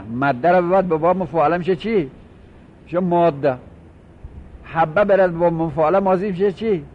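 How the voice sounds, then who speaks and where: A man teaching a grammar lesson, patiently repeating and drilling example words as he explains each rule step by step. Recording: dull lo-fi recording with faint rumble.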